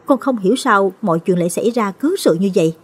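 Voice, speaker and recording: A woman's voice: medium pitch, lively intonation, fast, slightly rough. A woman voicing a tearful young widowed daughter-in-law in a storybook reading, with a pleading manner.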